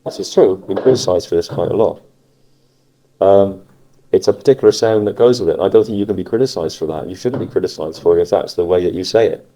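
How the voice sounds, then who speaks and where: A man from Cornwall with a Cornish West Country accent, chatting casually in a halting way and repeating phrases for emphasis. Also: low-pitched, warm tone. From Cornwall, England. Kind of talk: casual conversation about dialect. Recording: muffled cassette recording.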